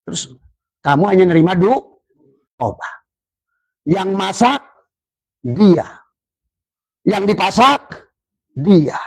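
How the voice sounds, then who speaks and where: Gravelly-voiced man preaching a sermon. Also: very animated, slow pace, pauses often, no room sound. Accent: Indonesian. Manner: preaching with rising emphatic pitch. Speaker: religious teacher. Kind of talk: Islamic sermon.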